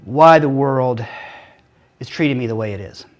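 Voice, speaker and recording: A man's voice: medium pitch, normal speed, highs cut off. A man who is a guest author on a talk show, speaking in a motivational way and repeating key phrases. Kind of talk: casual chat.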